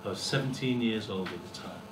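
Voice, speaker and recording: A man with a fairly low voice reads a dramatic story in the first person for a seated festival audience in a small lecture room. His manner is theatrical and unhurried, marked by pauses and mounting emphasis. Captured by a distant camera, the recording sounds roomy, with a light hiss.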